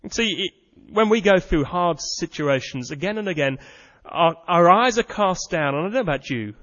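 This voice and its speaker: A man's voice: high-pitched, lively intonation, normal speed, a bit bright. A man preaching a sermon with earnest, dramatic storytelling. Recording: muffled sound with long hall reverb.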